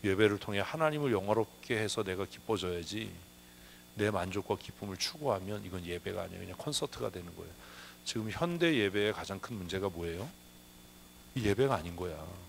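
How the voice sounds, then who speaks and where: A man's voice: sits low, lively intonation, a little fast, creaky. Emphatic preaching man, faint hum. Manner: emphatic preaching with rhetorical questions. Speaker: pastor. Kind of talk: sermon. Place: church sanctuary.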